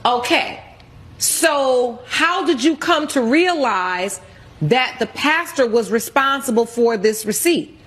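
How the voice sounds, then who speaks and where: Woman, TV judge, high pitch, blunt, commanding, scolding, courtroom questioning and rulings. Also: expressive, slow, a bit bright.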